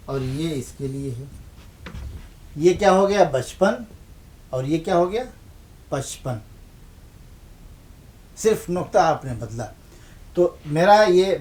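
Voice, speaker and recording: A man's voice: on the high side, darkish tone. A man teaching the Urdu script in a lesson, patiently asking questions and answering them himself, repeating points for emphasis. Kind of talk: televised language lesson.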